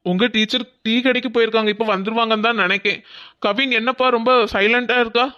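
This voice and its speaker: A woman's voice: fairly high pitch, fairly even intonation, fast, pushed and bright, lo-fi sound. A woman voicing a chatty woman helping at a music class in a cartoon. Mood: friendly.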